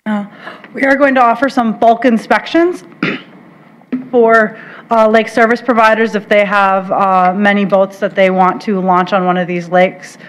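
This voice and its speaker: A woman presenting a plan to a county board with a halting delivery full of uhs, speaking into a table microphone. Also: medium pitch, fairly even intonation. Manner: halting, many filler uhs. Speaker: water resource specialist presenting to county board. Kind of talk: public meeting presentation. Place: county board meeting room.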